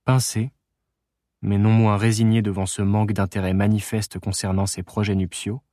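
A man reads a literary novel aloud as an audiobook, measured and unhurried. His voice sits on the low side and the sound is dry and close, with no room around it. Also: little pitch movement, warm tone, no room sound. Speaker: audiobook narrator.

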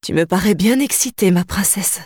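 A woman's voice: medium pitch, lively intonation, moderate pace, darkish tone, husky, no room sound. A woman reading a wry weary nursemaid. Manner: dry, sighing, indulgent.

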